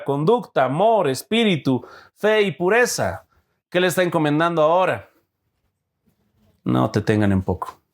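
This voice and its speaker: A man preaching a sermon as pastor, emphatic and direct, reading scripture aloud and putting questions to the congregation. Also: medium pitch. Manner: emphatic, addresses the congregation as brothers; reads scripture aloud and asks rhetorical questions.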